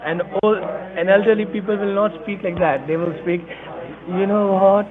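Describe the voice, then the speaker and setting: A man with a fairly high voice lectures and doubts the caller. The sound is thin and phone-like, with a busy crowd murmuring behind him. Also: steady tone, normal speed. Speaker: scam caller posing as an officer. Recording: tinny phone line with call-center crowd noise.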